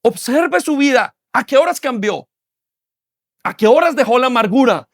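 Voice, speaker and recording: A man's voice: extremely high pitch, lively intonation, normal speed, no room sound, studio quality. A man, preaching a sermon as pastor with repeated phrases and rhetorical questions. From Colombia. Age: 40s. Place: church hall.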